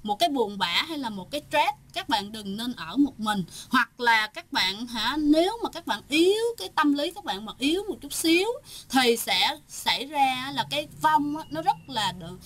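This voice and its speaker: A woman's voice: high voice, expressive, normal speed, a bit bright. A woman telling a ghost story in a casual, chatty way, often turning to speak straight to her listeners.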